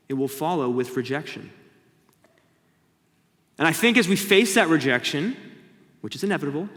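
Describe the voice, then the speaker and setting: A man's voice: medium pitch, in a large hall. A male pastor with a Canadian accent, preaching a conversational sermon and now and then acting out mocking voices. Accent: Canadian English. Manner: conversational, acts out mocking voices with sudden loud jumps.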